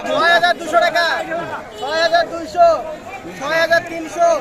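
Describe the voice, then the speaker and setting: A man calling bids as an auctioneer, repeating prices in a loud chant. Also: extremely high pitch, flat delivery, normal speed, crowd noise. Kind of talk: auctioneer's rapid bid calling. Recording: loud crowded outdoor market, traffic.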